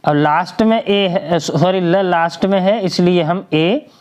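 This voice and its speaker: A woman's voice: fairly low pitch, takes it slowly, a little mellow, smooth. A woman teaching a spelling lesson, patient and drawn out, spelling letters one by one and answering her own questions. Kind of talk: slow classroom lesson.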